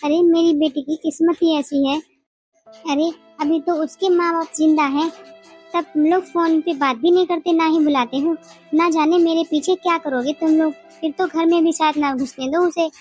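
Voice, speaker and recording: A woman's voice: very high voice, fairly even intonation, moderate pace, a little mellow, soft background music. A woman voicing a bossy, scolding mother-in-law in a family cartoon. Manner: nagging, scolding.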